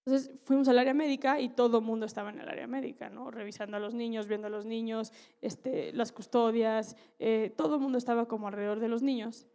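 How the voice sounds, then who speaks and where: A woman with a Mexican Spanish accent, a conference speaker telling a story to an audience in a candid, lively way with slang and asides. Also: a little high, fast, few pauses, smooth. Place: conference stage in a large hall.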